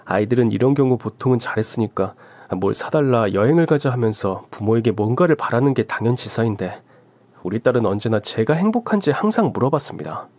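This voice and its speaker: A man's voice: mid-range voice, expressive, a little fast, darkish tone, dry recording. A man in his forties narrating his own story in the first person, earnest and emotional.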